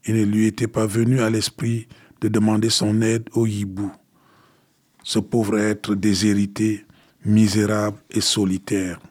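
A man reading a fairy tale aloud in a calm, unhurried way. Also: fairly low pitch, breathy edge. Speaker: storyteller.

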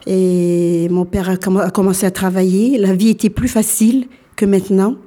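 A woman in her sixties, born in Algeria, telling her life story as a radio guest and often pausing to restart her sentences. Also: mid-range voice, steady tone, warm tone. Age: 60s. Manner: hesitant, many fillers and restarts.

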